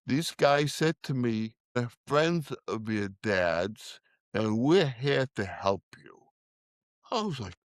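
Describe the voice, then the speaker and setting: A middle-aged man appears as a podcast guest in a storytelling interview, emotionally recounting his life and performing the voices of people he quotes. His voice is fairly low, recorded with no room sound.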